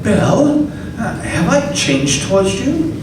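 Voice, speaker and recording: An actor playing Ebenezer Scrooge, an older miser who stammers and hesitates, in a live radio play. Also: male voice, high voice, sing-song, slow, background noise, exaggerated voice. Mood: pleading. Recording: echoey hall recording from far off.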